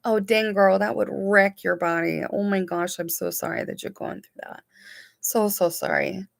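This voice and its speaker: A woman reading viewer comments aloud on a casual live stream from her room at home, answering each one warmly and softly. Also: mid-range voice, moderate pace, gravelly, dry recording, studio quality. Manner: warm, chatty, reads comments aloud and responds softly. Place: home room with curtains and sunlight.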